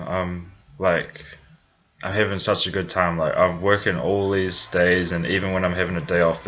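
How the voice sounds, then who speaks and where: A young man with a New Zealand accent speaks in a low, somewhat bright voice, captured in lo-fi sound. He's vlogging about his own life in a loose, rambling way, full of fillers and self-corrections.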